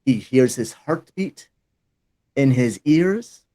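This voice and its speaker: A man running a tabletop role-playing game as dungeon master, narrating at an unhurried pace. His pitch rises and falls a lot as he describes the scene, and he pauses on fillers between phrases. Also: expressive, warm tone.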